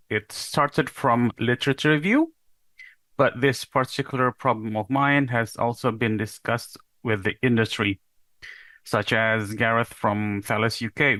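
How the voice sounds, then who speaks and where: A young man from Indonesia giving a recorded conference talk as a PhD researcher, in a measured, explanatory way with the odd rhetorical question. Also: mid-range voice, fairly bright tone, no echo.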